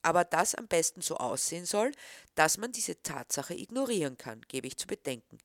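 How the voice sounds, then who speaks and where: Low-voiced woman narrating calmly. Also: a little fast, no room sound, clean studio sound. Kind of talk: scripted narration.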